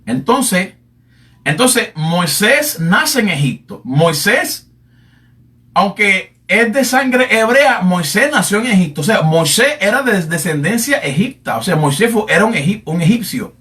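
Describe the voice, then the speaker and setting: A man with a high voice teaches from the Bible in sermon style, repeating phrases and pausing on fillers as he calls out to his beloved listeners. He sounds set back a little from the microphone. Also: sing-song, bright, forceful tone, recorded from a distance. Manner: repetitive, addresses listeners as "amado", many fillers. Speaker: preacher.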